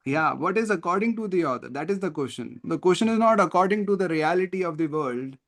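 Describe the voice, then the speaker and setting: A high-pitched, fast-talking test prep tutor with an Indian English accent teaches an online class via video call. Lively and questioning, he checks again and again whether students follow.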